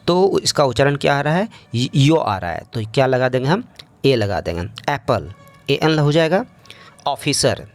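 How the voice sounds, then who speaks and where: A man's voice: medium pitch, no echo. A man teaching an English grammar lesson in speech, explaining step by step and often asking the class rhetorical questions.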